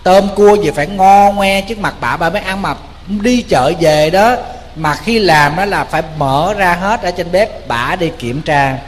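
A man with a Southern Vietnamese accent, a Buddhist monk telling a story in a sermon, animated and colloquial, speaking straight to his audience. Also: sits high, a little slow, big-room sound.

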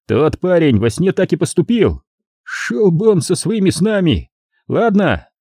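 Audiobook role: male narrator plays a cold, menacing gangster boss near sixty, pitched up and swinging. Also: big pitch swings, a little slow, dark tone, slightly rough, no echo, clean studio sound, full character voice. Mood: curt. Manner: menacing, mocking.

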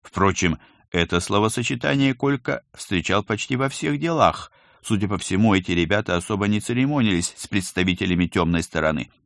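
A man narrating an audiobook in an expressive storytelling manner. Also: lowish voice, brisk, vocal fry, dry recording, studio quality. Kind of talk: scripted narration.

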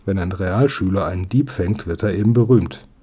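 A man's voice: sits low, brisk, dark tone, breathy edge. A man reading a kindly police inspector.

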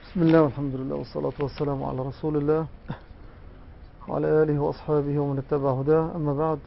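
A man moderating a religious gathering, opening with a formal, steady address. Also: fairly high pitch, rapid-fire, creaky, slight background noise. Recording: muffled lo-fi recording.

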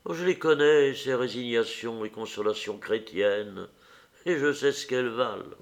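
A man's voice: medium pitch, normal speed, natural voice. A man reading aloud, voicing a weary, grieving mother who sounds tired and guarded. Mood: bitter.

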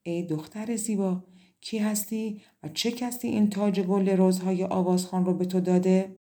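A polite young prince from a storybook, addressing a girl in a gentle, courtly way, as read by a woman storyteller in her own voice. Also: medium pitch, little pitch movement, natural voice. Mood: admiring.

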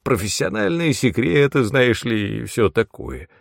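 A man's voice: mid-range voice, big pitch swings, unhurried, creaky, dry recording, studio quality, voice pushed up, full character voice. A man voicing a cagey old male wizard in an audiobook, genial with a steely edge. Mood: wary. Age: older.

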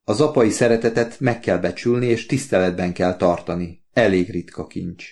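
A man's voice: low-pitched, fairly even intonation, darkish tone. A man voicing an earnest, talkative older father in an audiobook, pleading and heartfelt. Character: warm talkative older working-class father. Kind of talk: audiobook character voice.

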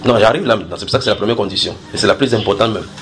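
A man's voice: lowish voice, racing, a crowd in the background. A man preaching and teaching from the Bible to a gathered group. He explains with everyday analogies, repeats key phrases and asks his listeners questions to draw responses.

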